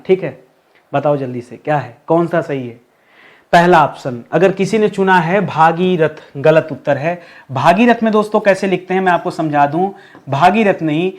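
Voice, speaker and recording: High-voiced, lively male Hindi teacher. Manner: lively, chatty, addresses students as friends. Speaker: exam-prep Hindi teacher. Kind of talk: online exam-prep lesson.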